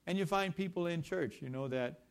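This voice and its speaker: A man preaching a sermon, shifting between scripture and lively storytelling. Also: a little high, a little fast, clear, resonant tone. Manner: animated storytelling with conversational asides. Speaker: pastor.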